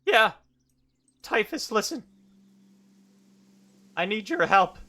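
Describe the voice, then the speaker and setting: A man's voice: high-pitched, big pitch swings, slow, sharp tone, voice pushed up, exaggerated voice. A man voicing an earnest, lovelorn young adventurer who pleads desperately in a tabletop game. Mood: urgent. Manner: pleading, emphatic. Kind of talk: tabletop role-play character voice.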